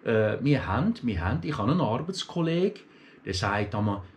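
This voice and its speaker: A man's voice: medium pitch, very animated, fairly quick. Man, middle-aged, Swiss German Aargau accent, chatty, storytelling, fillers and restarts. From Switzerland, grew up in Aargau. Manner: chatty, storytelling, many fillers and restarts, mimics other dialects. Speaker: vlogger. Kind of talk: casual rambling monologue.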